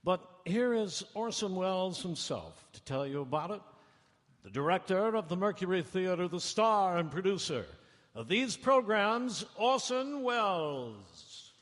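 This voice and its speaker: Here the same grand 1930s announcer role is heavily acted in a high, sing-song, fairly bright voice that moves a little slowly. His proclamations land with declamatory drama, while faint live music drifts through an echoey town hall stage.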